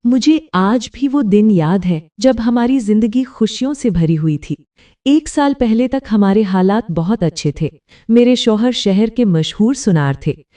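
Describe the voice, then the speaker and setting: A woman narrating as a mellow, sorrowful mother. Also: on the high side, lively intonation, distant mic. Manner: slow, sorrowful storytelling. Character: grieving mother recalling her family's ruin. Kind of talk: first-person dramatic narration.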